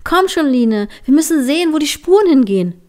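A woman voicing an eager, high-spirited young woman in a storybook, speaking slowly. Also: warm tone. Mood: excited.

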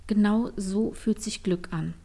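A woman voicing an amused, affectionate young woman who murmurs softly and teases, in a storybook reading. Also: mid-range voice, measured pace. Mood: tender. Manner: soft, teasing, murmuring.

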